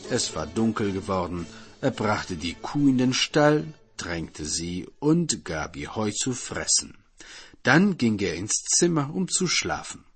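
A man's voice: fairly low pitch, sing-song, slow, breathy edge, faint music behind. A man narrating a serialized folk tale and introducing a proverb. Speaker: storyteller.

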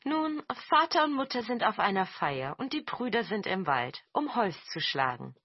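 A woman's voice: mid-range voice, big pitch swings, moderate pace, slightly rough, no room sound, lo-fi sound, voice pushed up. A woman voicing a sly female fox spirit disguised as a young sister, coaxing and then cursing. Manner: pleading, then shrieking curses.

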